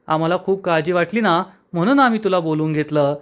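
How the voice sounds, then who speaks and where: A man's voice: high voice, quick pace, close to an everyday voice. A man reading the lines of a chatty young sister who fusses over her brother. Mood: worried. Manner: chatty, fussing.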